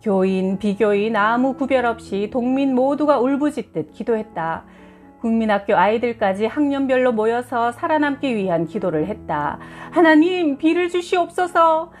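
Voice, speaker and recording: Woman reading aloud over soft music. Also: fairly high pitch, animated, normal speed. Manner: earnest, emotive reading that lifts for quoted prayers. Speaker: publisher reading a book aloud. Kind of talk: audiobook reading of a memoir.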